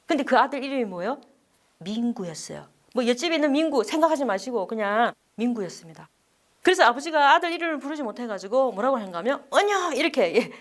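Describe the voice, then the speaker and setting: Nun lady telling a bible class story, lively, asks the room stuff, does all the voices. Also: fairly high pitch. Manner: animated, acts out the people in her story; asks the audience questions.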